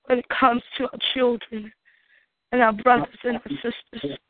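A woman's voice: on the high side, flat delivery, normal speed. A woman leading a fervent spoken prayer, declaring each line with passion and many uh fillers. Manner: impassioned, declaring, with frequent uh fillers. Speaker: prayer leader. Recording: tinny phone line, dry.

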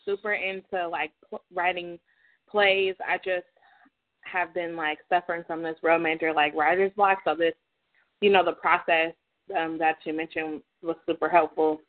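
A woman's voice: on the low side, little pitch movement, normal speed. A woman poet calling in over the phone, talking in a hesitant, casual way with many fillers. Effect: heard over the phone. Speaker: caller, poet and creative writer. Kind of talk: casual chat. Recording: tinny phone line.

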